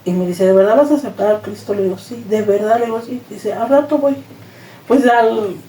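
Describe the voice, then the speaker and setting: A woman with a Mexican accent, a guest telling her personal testimony in a lively way and acting out the dialogue she quotes. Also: medium pitch, brisk. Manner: animated retelling, acts out quoted dialogue. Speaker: interview guest. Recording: roomy echo, distant mic, faint noise.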